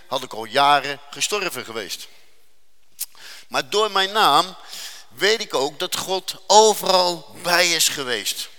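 Man, testimony speaker, earnest and dramatic, slowing for weight, bright voice. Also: on the high side, in a large hall. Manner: earnest, dramatic storytelling with slowed emphasis. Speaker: speaker giving a faith testimony. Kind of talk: personal testimony.

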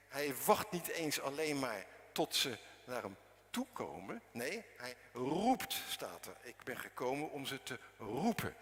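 A man's voice: medium pitch, a bit bright. Man giving an earnest sermon, voice swoops up and down a lot, long echo like a big church. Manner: earnest, addresses the congregation directly. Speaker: preacher.

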